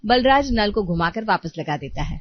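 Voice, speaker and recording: A woman narrating a scripted family drama in a plain, even storytelling manner. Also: mid-range voice, moderate pace. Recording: dull lo-fi recording.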